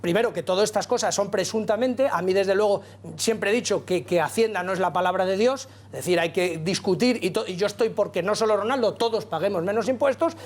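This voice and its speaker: A man's voice: high voice, a little fast. A man with a Spanish accent arguing as a panelist on a political TV talk show, talkative and colloquial, full of rhetorical asides. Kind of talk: heated TV debate. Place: TV studio.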